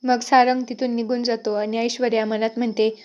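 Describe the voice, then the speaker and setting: A woman retells a TV serial episode in a steady, even storytelling voice. Her pitch is slightly high but hardly moves. The recording is somewhat dull and lo-fi. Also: brisk. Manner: steady storytelling with small slips and restarts. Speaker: serial recap narrator.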